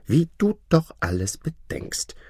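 A man's voice: fairly high pitch, big pitch swings, slow pace, mellow, slightly rough, no room sound, voice pushed up, exaggerated voice. A man voicing a cheerful old farmer's wife who dotes on her husband, gushing and sing-song.

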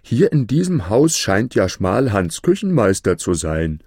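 A man voicing a brash, bold hunter in a fairy tale, talking briskly. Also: lowish voice, very animated, darkish tone, husky, no room sound, studio quality, heavily acted. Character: brash adult male hunter.

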